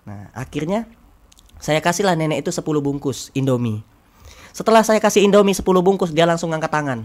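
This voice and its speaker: A man's voice: animated, a little fast. A young man, a talk show guest, telling a story with lots of animation and acting out every line of dialogue. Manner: acts out dialogue, swinging pitch and loudness.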